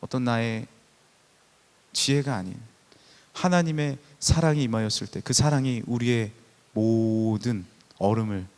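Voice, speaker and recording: A man in his thirties preaching a sermon, telling stories and swinging from soft passages to loud, emphatic ones. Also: medium pitch, measured pace. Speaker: pastor. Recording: long church hall reverb.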